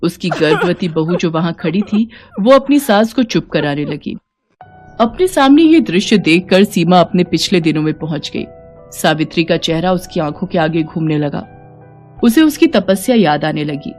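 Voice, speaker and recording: A woman narrating a cartoon moral story in a steady, expressive way. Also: fairly low pitch, normal speed, soft background music.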